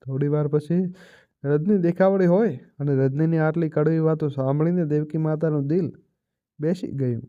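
A man reading a moral tale aloud as a storyteller, in a steady, even narrating style. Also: on the high side, normal speed, dry recording. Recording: dull, dry recording.

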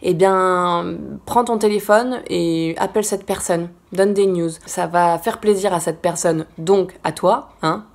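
A woman's voice: lowish voice, unhurried, few pauses. A woman vlogger giving casual, encouraging advice straight to the viewer, chatty with frequent fillers. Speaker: lifestyle vlogger.

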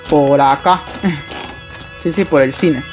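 A man with an Argentine accent and a high voice talks through a horror game as he plays it. He is jumpy and excitable, breaking into yelps, laughs and casual swearing. Faint game music runs underneath. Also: takes it slowly. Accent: Argentine Spanish. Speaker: gameplay streamer. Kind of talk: live horror game commentary.

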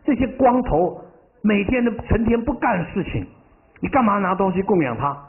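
A man's voice: mid-range voice, sing-song, quick pace, natural voice. A male preacher voicing a stingy, scolding mother who nags her son about wasting money, in a tinny, phone-like recording. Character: scolding stingy rich mother, middle-aged woman.

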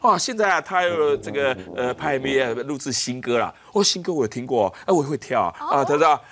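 An actor playing a blustering, self-important middle-aged politician in a comedy sketch, with a Taiwanese Mandarin accent, bombastic and forever asking "right?". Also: male voice, medium pitch, expressive, crowd noise, natural voice. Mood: boastful. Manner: bombastic, keeps asking "right?", drawn-out exclamations. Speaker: satirical politician character. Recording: loud music underneath.

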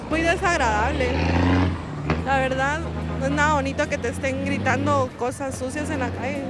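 Young woman, high pitched, slow disgusted answers, street with music under. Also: fairly even intonation, a loud crowd. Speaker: interviewee. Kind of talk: street interview.

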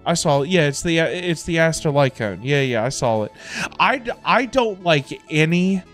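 A middle-aged American livestream host plays games casually in his indoor home setup while music plays in the background. His voice is expressive, on the high side, and fairly bright at a normal speed, and he rambles repetitively in loose slang.

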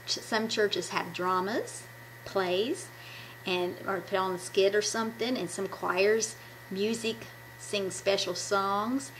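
Her voice is medium-pitched, steady, slow, and a bit bright, though the poor audio has a little hiss or hum. She's a woman in her fifties presenting a children's puppet ministry devotional with enthusiasm, from a small room at home on a webcam held at arm's length.

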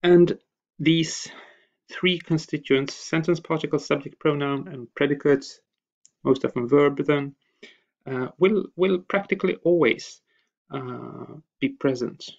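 A man giving a recorded slide lecture, explaining step by step with hesitant pauses and frequent filler sounds. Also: a little high, gravelly, darkish tone. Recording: dull lo-fi voice recording.

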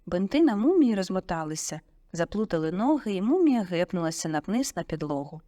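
Woman reading an audiobook, lowish voice, really expressive, dry close mic. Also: brisk, no echo. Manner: expressive, vivid storytelling. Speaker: audiobook narrator. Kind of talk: audiobook narration.

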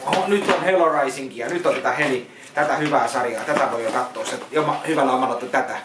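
A man talking casually in a vlog as he goes through donated films, repeating words, restarting and giving plain verdicts. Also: mid-range voice. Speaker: vlogger unboxing donated films. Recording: echoey room with loud noise.

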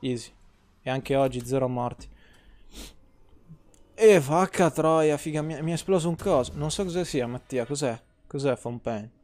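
A man's voice: fairly high pitch, normal speed, darkish tone. A man, streaming gameplay and ranting at his chat, swearing freely and teasing. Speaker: game streamer. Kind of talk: casual live-stream gameplay commentary.

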